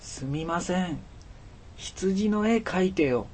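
A man doing a soft, husky little boy. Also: on the high side, very animated, full character voice. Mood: pleading. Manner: soft, slow, pleading child voice. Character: small earnest boy, gentle but insistent. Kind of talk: storybook reading.

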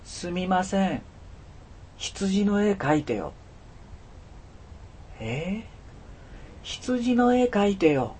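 A man voicing a small, earnest boy in a storybook reading, speaking in a soft, slow, pleading child's voice. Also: high voice, big pitch swings, a little hiss or hum, pitched above the performer's own voice, heavily acted. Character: small earnest boy, gentle but insistent.

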